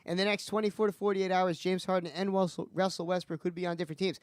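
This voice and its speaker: A man hosting a casual sports chat on his radio show, with smooth radio-style sign-offs. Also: high-pitched, level tone, fast, dry recording, studio quality.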